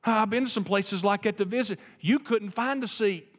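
A man's voice: high voice, normal speed. A man preaching a sermon as pastor, emphatic and building to fervent appeals. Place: church sanctuary. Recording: reverberant church sanctuary.

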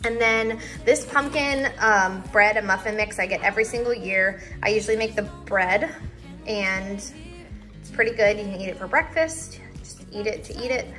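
A woman's voice: mid-range voice, normal speed, bright, forceful tone. A young woman chatting casually in a vlog voice-over, full of "like" and "um" fillers. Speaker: lifestyle vlogger. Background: background music.

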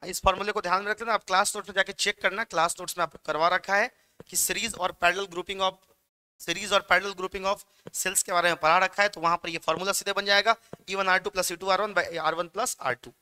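A man's voice: high voice, steady tone, fairly quick, sharp tone, clean tone. A young man with a Bihari Hindi accent teaching physics exam questions in a chatty, joking classroom manner, mixing in English terms. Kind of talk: exam-prep lecture.

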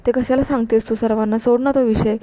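A woman reading the lines of a calm, blunt young brother-in-law. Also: fairly high pitch, quick pace, lightly acted. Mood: matter-of-fact.

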